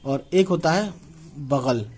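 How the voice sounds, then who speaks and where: Man in his twenties, writing teacher, patient, slow spelling, higher-pitched voice. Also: darkish tone, slightly rough. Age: 20s. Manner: patient, repeats and spells out letters slowly. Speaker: Urdu teacher. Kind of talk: spoken writing lesson.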